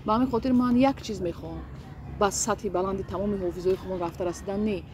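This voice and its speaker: A woman speaks in a casual interview, earnest and warm-hearted in her words but halting, circling back with fillers and restarts as she searches for phrasing. Her pitch sits mid-range for a woman. A faint hiss of background noise runs under the recording. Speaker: interview guest.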